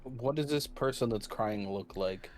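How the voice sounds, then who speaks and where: A man's voice: mid-range voice, a little slow, darkish tone, slight background noise. A man playing a tabletop game, earnestly describing his character's actions. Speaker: player. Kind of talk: casual play at a tabletop game.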